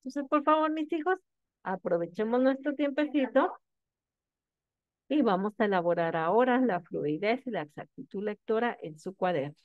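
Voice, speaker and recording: A woman's voice: on the high side, lively intonation, moderate pace, no echo. A woman teacher giving a lesson to her students, explaining steps patiently and often checking that they follow. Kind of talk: classroom lecture. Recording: dry, tinny phone-like sound.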